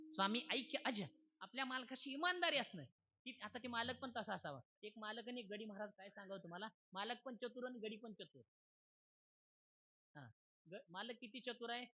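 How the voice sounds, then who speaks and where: A man, giving a humorous devotional sermon in a folksy style, often checking that the crowd is following. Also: extremely high pitch. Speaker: kirtan preacher. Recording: dull lo-fi recording.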